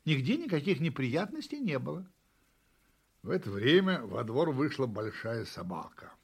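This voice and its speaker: A man reading a children's story aloud with expressive, animated storytelling. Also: mid-range voice, moderate pace, creaky, slightly rough. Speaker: narrator.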